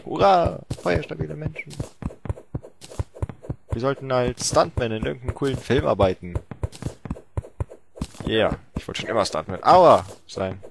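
A young man giving playful, self-mocking commentary on a game he is playing, often breaking into yelps and shouts. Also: medium pitch, lively intonation, normal speed, vocal fry, long pauses, background noise. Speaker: let's play commentator. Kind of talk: casual gameplay commentary.

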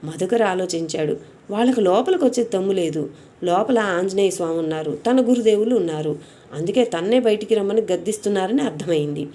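A woman reading a scripted devotional story aloud. Her voice is mellow and dark-toned, with a middle pitch. She tells it at a steady, even pace. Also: fairly quick.

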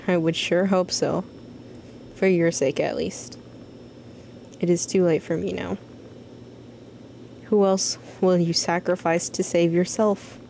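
Woman reading a slow, bitter masked doctor. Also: lowish voice, warm tone, slight background noise. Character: masked doctor, bitter, accusing, ominously calm. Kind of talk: reading game dialogue aloud.

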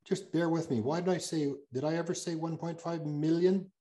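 A man's voice: a little high, fairly even intonation, fairly quick, dark tone. A man speaking as a guest geologist, answering audience questions on a video call in a rambling, self-correcting way with many fillers.

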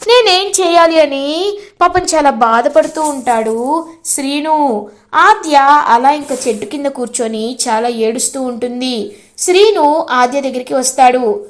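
A woman's voice: high-pitched, a little slow. A woman casually retelling a TV serial episode with sympathetic narration. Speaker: storyteller.

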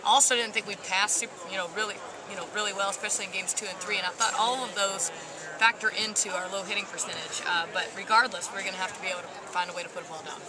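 A woman in her thirties, a volleyball coach, answers postgame questions in quick bursts full of "you know". She sits courtside in a large indoor arena, talking into a headset microphone. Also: medium pitch, fairly even intonation. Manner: rapid, filler-heavy answers with frequent "you know". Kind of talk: postgame interview. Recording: arena crowd and background noise.

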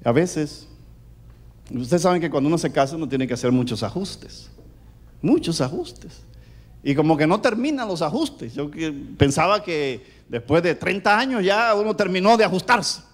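Middle-aged Caribbean preacher, Caribbean Spanish accent, lively booming sermon delivery, pitched a bit high. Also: male voice, normal speed. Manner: animated, loud, swings between booming and hushed.

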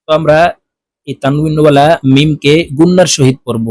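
A man's voice: fairly even intonation, darkish tone. A man teaching prayer recitation, explaining word by word and chanting the phrases drawn out. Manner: explains slowly, then chants Arabic phrases drawn out and higher. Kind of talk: religious lesson.

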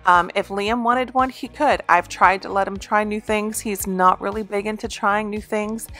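A woman's voice: mid-range voice, steady tone, normal speed, fairly bright tone. A woman in her thirties talking casually about her meal prep as a home vlogger, with many ums and restarts. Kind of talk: casual voice-over narration.

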